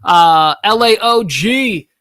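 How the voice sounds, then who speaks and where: A man's voice: high voice, lively intonation, slow, bright, forceful tone, no room sound, clean studio sound. A man co-hosting a live sports fan show, chatting casually in a rambling, upbeat way. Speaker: podcast co-host.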